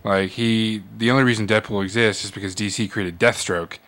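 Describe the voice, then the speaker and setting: A man's voice: fairly low pitch, fairly even intonation, a little fast, fairly bright tone. A young adult man in casual chat, explaining trivia in long runs and swearing.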